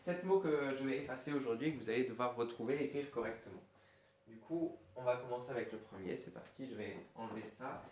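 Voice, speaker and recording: A man's voice: medium pitch, fast, darkish tone. A man teaching a school dictation lesson, patiently spelling words letter by letter and humming to stand in for the hidden words. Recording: echoey room, faint noise.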